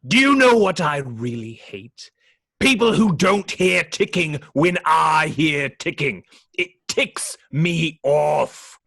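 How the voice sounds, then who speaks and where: A man acting a melodramatic, sulking, unhinged pirate captain in a script table read, theatrically swinging between whispers and shouts. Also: fairly high pitch, animated, slow pace, gravelly, dry recording, studio quality, heavily acted. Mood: angry.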